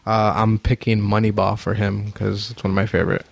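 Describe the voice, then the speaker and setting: A man's voice: lowish voice, level tone, fairly quick, vocal fry. A man hosting a film podcast in casual chat, laid-back and laughing often. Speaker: podcast host.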